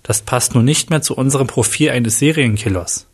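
A man's voice: mid-range voice, moderate pace, husky. A man reading the lines of a matter-of-fact male detective.

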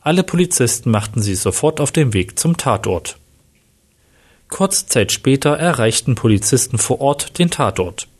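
A man reading a crime story aloud in an even, steady storytelling voice. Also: mid-range voice, normal speed, slightly rough. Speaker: narrator.

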